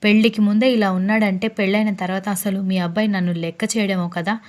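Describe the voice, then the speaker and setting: A woman's voice: mid-range voice, steady tone, fast talker, a little mellow, lightly acted. A woman voicing an innocent young woman who pleads and whines in a read-aloud story. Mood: pleading. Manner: pleading, whiny.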